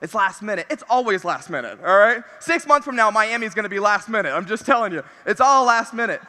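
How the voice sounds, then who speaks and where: A man with a very high, forceful voice delivers a motivational talk from a stage mic. He speaks in punchy bursts and hammers his key phrases again and again. His voice rings through a big convention hall with a long reverb tail. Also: a little fast. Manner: energetic, punchy, repeats key phrases, laughs between points.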